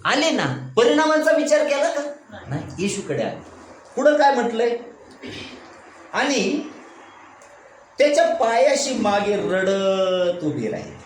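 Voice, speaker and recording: Speaking with a very high, sing-song voice, a man takes a measured pace and leaves long pauses. As a pastor leading Bible study, he asks the congregation questions, answers them, and keeps asking "right?". Echo and background noise surround the recording.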